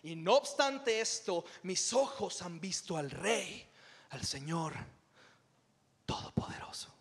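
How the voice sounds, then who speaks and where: Mexican male pastor, high-pitched, animated humorous preacher, recorded in a reverberant church hall. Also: takes it slowly, vocal fry, husky. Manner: animated, humorous storytelling with dramatic retellings. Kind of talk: sermon.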